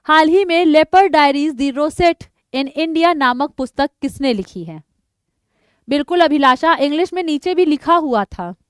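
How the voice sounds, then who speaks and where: A woman's voice: high voice, expressive, unhurried, no echo, clean studio sound. A woman teaching a live exam-prep class, chatty and joking, drilling answers by repeating them and reading out student names. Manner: chatty, jokes about names.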